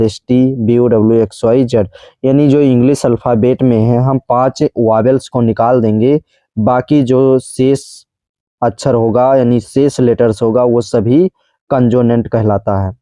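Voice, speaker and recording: A man's voice: medium pitch, mellow, no echo. A man teaching basic English grammar in Hindi, saying each definition twice and pronouncing English terms with a Hindi accent. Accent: Hindi-accented English words. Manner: repeats each definition twice, calls viewers friends. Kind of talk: grammar lesson explained slowly.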